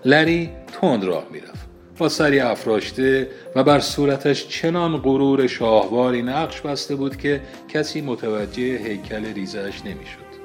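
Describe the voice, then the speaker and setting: A male radio host reads a novel aloud in a measured, expressive manner. His voice sits at a middle pitch, and faint music runs underneath the narration. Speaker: host and reader. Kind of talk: book reading.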